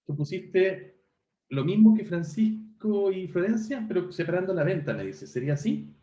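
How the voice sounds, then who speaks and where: A man's voice: high voice, big pitch swings, normal speed, dark tone. A male teacher giving an online class, asking his students questions and checking their understanding as he goes. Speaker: university teacher. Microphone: video call. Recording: roomy, dull lo-fi call audio.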